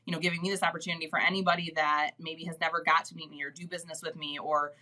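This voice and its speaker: A woman's voice: low voice, little pitch movement, racing, pushed and bright. A woman talking as a guest in a casual business interview, chatty and filled with "like" and "you know".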